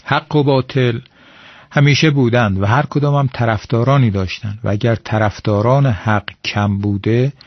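A man, a cleric, giving a slow, measured, formal religious lecture to radio listeners, reciting scripture along the way. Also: medium pitch, no echo. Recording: dull lo-fi radio sound.

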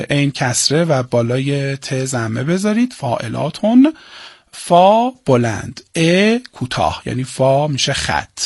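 A male teacher giving a lesson and dictating to students, chanting syllables slowly and spelling them out. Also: mid-range voice, creaky, no echo, clean studio sound. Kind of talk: classroom lesson on Persian prosody.

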